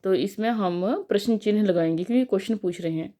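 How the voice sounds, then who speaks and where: A young woman with a mellow, darker voice walks through a grammar lesson step by step. She talks patiently, often checking in with a quick "okay" and a filler before slowing down on her examples. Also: mid-range voice. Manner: patient, repeats "ठीक है" and "अ" fillers, slows on examples. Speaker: teacher. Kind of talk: explanatory Hindi grammar lesson.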